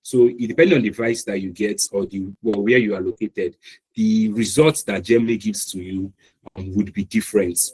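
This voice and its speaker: A man's voice: on the low side, fairly even intonation, moderate pace, a little mellow, breathy edge, rough recording. A man with a Nigerian accent teaching an online class, explaining step by step with fillers and restarts. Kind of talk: live online lecture. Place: online meeting call.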